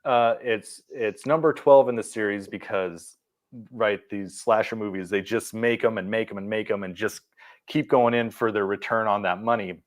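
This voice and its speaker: A man's voice: fairly even intonation, moderate pace. A man co-hosting a casual movie podcast, laughing often and joking about himself. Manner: laughing, self-mocking, jumps in pitch for quoted voices. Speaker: podcast co-host.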